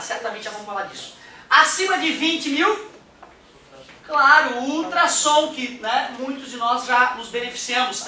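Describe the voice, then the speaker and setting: A man from Brazil, giving a lively, joking physics lecture in a classroom and acting out examples. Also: high-pitched, slight background noise. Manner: animated and joking, acts out examples. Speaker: physics teacher. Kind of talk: exam-prep physics lecture. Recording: echoey room, mic at a distance.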